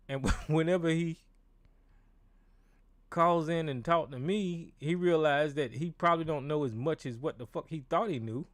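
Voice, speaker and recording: On a dry recording, a man with a voice on the high side runs a call-in show, swearing freely and speaking bluntly. He often starts his sentences over during this casual monologue, heard through a desk mic with a board.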